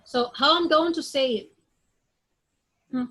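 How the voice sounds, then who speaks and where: Slow, high-voiced woman teaching pronunciation. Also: bright, forceful tone, low-quality recording. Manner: repeats examples and checks understanding with "okay?"; drills word sounds aloud one at a time. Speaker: English teacher. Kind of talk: classroom pronunciation lesson.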